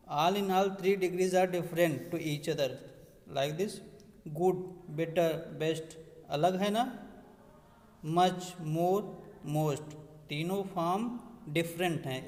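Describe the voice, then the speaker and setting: A man with an Indian accent teaching an English grammar lesson in a mix of Hindi and English, repeating words slowly and checking whether students understand. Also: high voice, big-room sound, low-quality recording.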